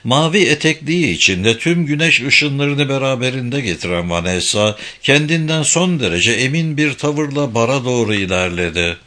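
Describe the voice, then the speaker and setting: Bright-voiced man reading a novel aloud. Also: mid-range voice, animated, normal speed, few pauses. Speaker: audiobook narrator. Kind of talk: scripted narration of a novel.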